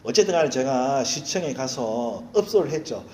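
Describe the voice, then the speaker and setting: A male pastor preaching a sermon, telling candid, self-mocking stories in an animated way. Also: mid-range voice, moderate pace, echoey room.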